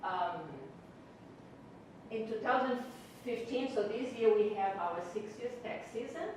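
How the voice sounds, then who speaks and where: A middle-aged Portuguese woman, a native speaker with an accent, gives students a chatty, personal informal lecture on tax, packed with fillers. Her voice sits on the high side and is unhurried and a little mellow. It was recorded from far off in an echoey campus lecture room, with noise.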